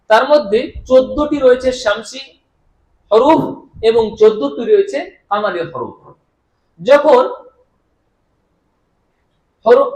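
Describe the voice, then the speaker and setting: A man teaching Arabic grammar to a class. He repeats key terms, quizzes his students with questions he answers himself, and draws out his example words slowly. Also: extremely high pitch. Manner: drawn-out, deliberate pronunciation of example words. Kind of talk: classroom lecture. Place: madrasah classroom. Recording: echoey room.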